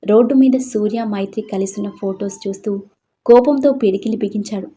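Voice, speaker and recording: Mellow-voiced woman narrating a story. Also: mid-range voice, brisk.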